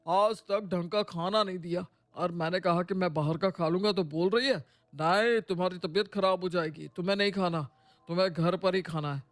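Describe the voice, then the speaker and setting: A woman's voice: fairly low pitch, moderate pace, dry recording, close to an everyday voice. A woman voicing a grown son who grumbles and whines about his wife to his mother in an audio storybook. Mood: grumbling. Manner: whiny, grumbling.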